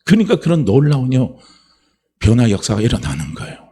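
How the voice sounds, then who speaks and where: A man preaching a sermon as pastor, asking rhetorical questions and building to passionate, high-pitched emphasis. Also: wildly swooping pitch, fairly quick, mellow, slightly rough.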